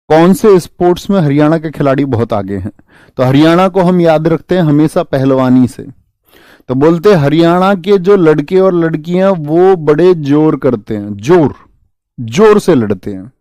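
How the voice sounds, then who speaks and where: A man's voice: on the high side, warm tone, dry recording. A young man teaching an exam-prep class, energetically quizzing students with questions and mixing English words into his explanations. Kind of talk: exam coaching lesson.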